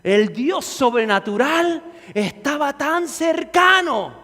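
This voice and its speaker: A man, preaching a fervent sermon as pastor, repeating his phrases and rising to shouts. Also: very high voice, lively intonation, takes it slowly, big-room sound.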